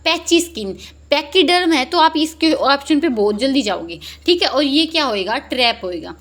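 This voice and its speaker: Lively, slightly high-voiced woman teacher. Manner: lively and joking, reads options slowly and explains each. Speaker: English exam teacher. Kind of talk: exam-prep lesson, Hindi mixed with English.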